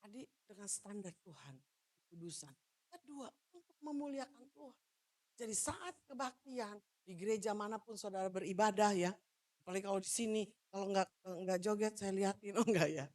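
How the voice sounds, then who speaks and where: A woman pastor from Manado giving a loud, animated sermon, joking with the congregation and moving about as she preaches. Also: mid-range voice, moderate pace. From Manado, Indonesia. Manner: jokes with the congregation. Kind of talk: lively sermon.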